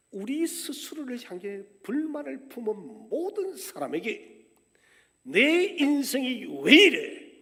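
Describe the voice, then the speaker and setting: Pastor, male, sermon; dramatic delivery that acts out complaints; gravelly, wildly swooping voice. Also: high voice. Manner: dramatic preaching, acting out the people's complaints with sudden loud outbursts. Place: church sanctuary. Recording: long church-hall reverb.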